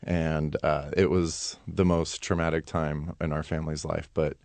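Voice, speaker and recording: A man's voice: rumbling low, flat delivery, a little slow, darkish tone, dry recording. A man speaking earnestly as a guest in a radio interview.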